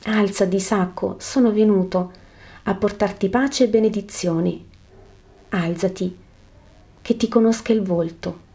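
A soft, patient holy teacher, as a woman reads him. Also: medium pitch, unhurried, creaky, long pauses. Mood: gentle, solemn. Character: gentle male teacher, calm and patient. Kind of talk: scripted reading of a religious narrative.

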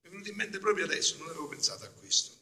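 A man, a friar, preaches a homily with a bright, piercing tone and a lively, swooping pitch. He swells to loud emphasis, then drops to quiet conversational asides. The long church reverb trails after each phrase. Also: very fast. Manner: emphatic, keeps asking the congregation "no?".

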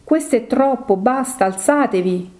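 A woman voicing an angry, frightened middle-aged father who shouts in alarm and distrusts priests. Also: a little high, lively intonation, normal speed, natural voice. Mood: shouting.

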